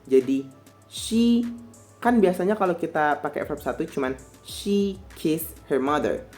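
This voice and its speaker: A woman teaching a casual grammar lesson, repeating example sentences slowly for learners to copy. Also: low-pitched, darkish tone. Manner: slow, drawn-out repetition of example sentences for learners. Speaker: English teacher.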